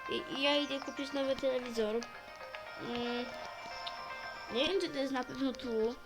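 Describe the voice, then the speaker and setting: A woman chatting in character as she plays a role-play story, narrating her own actions with sudden excitable outbursts. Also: sits high, measured pace, over music, low-quality recording.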